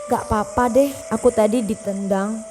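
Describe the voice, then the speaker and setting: An old, heartbroken village mother from a storybook, put on by a woman reading to her child. She cries as she speaks, her voice pitched very high and breaking into wails. It sounds like a bedtime tale read aloud at home. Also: fairly even intonation, moderate pace, over music, close to an everyday voice. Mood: quiet prayer. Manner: sobbing, wailing in a high voice. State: crying. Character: old poor village mother, grieving and pleading.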